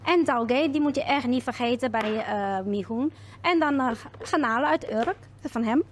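A woman's voice: sits high, moderate pace, slight background noise. A woman hosting a cooking video, chatting casually as she explains each step at the stove. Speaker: cooking channel host.

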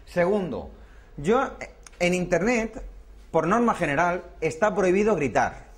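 A man teaching a hands-on workshop class, explaining step by step and often checking in with his listeners. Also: mid-range voice. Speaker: workshop instructor.

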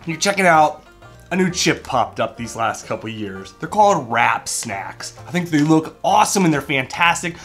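A man in his thirties with a fairly high voice hosts a casual snack review. He talks informally to the camera while munching crunchy chips and humming mmms. Soft music plays behind him. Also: sing-song, normal speed. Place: small indoor room at home.

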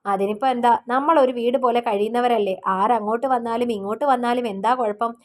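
A woman's voice: fairly high pitch, steady tone, fast, natural voice. A woman reading the lines of a friendly, reassuring middle-aged housewife in a storybook.

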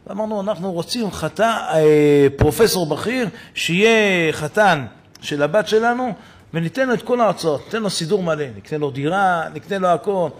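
A rabbi voicing a husky, rambling old father. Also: fairly high pitch. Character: worried elderly father telling his story.

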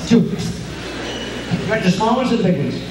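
A man's voice: high-pitched, animated, unhurried. A man working a live stage show as a hypnotist, teasing and playful with volunteers, recorded on a distant home video camera in a large hall. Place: large hall at an after-prom event. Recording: echoey hall, far from camcorder, noisy.

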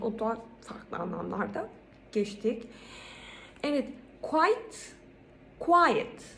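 A Turkish-accented woman with a fairly high voice teaches English pronunciation. She says each example word with a louder, lifted stress, then explains it calmly. Faint room noise sits under her voice. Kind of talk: pronunciation lesson.

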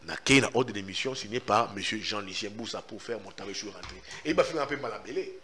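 A man's voice: fairly low pitch, animated, quick pace, fairly bright tone. A man speaking French with a Congolese accent, a journalist giving emphatic, insistent answers in an interview. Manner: emphatic and insistent, repeats himself. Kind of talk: animated interview answers, mixing in Lingala.

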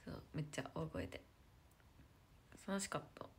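A woman's voice: sits low, normal speed, creaky, a little hiss or hum. A young woman with a lilt, chatting casually to viewers on a phone livestream, searching for words and dropping into whispered asides. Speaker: idol live streamer. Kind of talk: casual live-stream chat.

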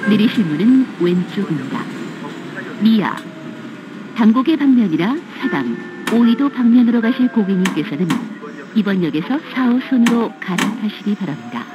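A woman reading a polite, clearly enunciated, recorded train station announcement. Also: medium pitch, big pitch swings, moderate pace, noisy background. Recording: muffled audio with music behind.

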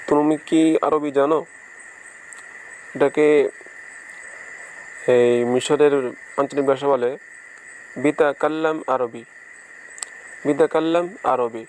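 A man teaching phrases one by one, saying each one slowly and repeating it. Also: on the high side, darkish tone, a little hiss or hum, low-quality recording. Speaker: language teacher. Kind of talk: phrase-by-phrase language lesson.

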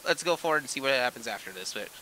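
A man's voice: medium pitch, expressive, very fast, pushed and bright, a little hiss or hum, low-quality recording. A man leading a casual gaming session, chatting in a self-deprecating way and breaking into laughs. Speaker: game player leading the session.

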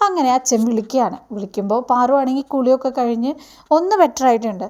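A woman's voice: a little high, fast, dark tone. A woman narrating a recap of a TV serial in a chatty storytelling manner. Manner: storytelling, sentence-final particles.

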